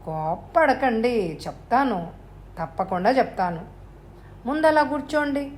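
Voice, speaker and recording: A woman voicing a calm, cold-blooded young male killer with a harsh, unhurried, menacing voice. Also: fairly high pitch, slight background noise, voice pushed up.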